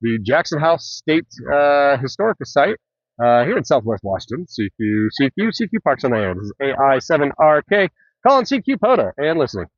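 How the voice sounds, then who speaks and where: A man's voice: medium pitch, sing-song, brisk, dry recording, lo-fi sound. A man making a ham radio call from a park, repeating CQ and spelling his call sign in the phonetic alphabet.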